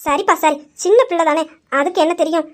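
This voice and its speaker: A woman's voice: extremely high pitch, fairly even intonation, fast talker. A woman voicing a fretful elderly grandmother in an amateur family drama, coaxing and hesitant, trailing off mid-sentence. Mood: worried.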